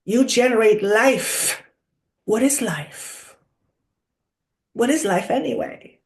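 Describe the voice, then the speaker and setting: A person voicing a channeled collective of wise spirit guides, like a seance medium in trance, deliberate and oracular with drawn-out emphasis and rhetorical questions. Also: mid-range voice. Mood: emphatic, instructive. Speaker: channeler speaking as a council of spirits.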